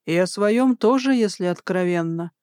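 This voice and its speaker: A narrator voicing a bold, flirtatious male army major in an audiobook, low and teasing. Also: moderate pace, a little mellow, smooth, no room sound, clean studio sound, close to an everyday voice. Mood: insistent. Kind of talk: audiobook dialogue.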